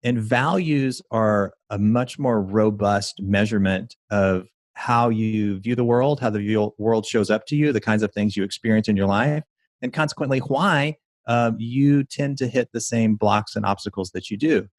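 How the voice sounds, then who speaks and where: A man being interviewed as a mindset coach and speaker, explaining his method in a confident, pitch-like way. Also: normal speed, no room sound, clean studio sound.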